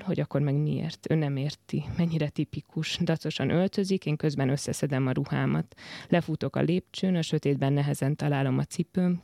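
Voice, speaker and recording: A man with a fairly high, gravelly voice reads literary prose aloud in a calm, measured way. The sound is dry and close, with no room around it. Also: dry recording. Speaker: reader of a literary text. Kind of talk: literary prose reading on radio.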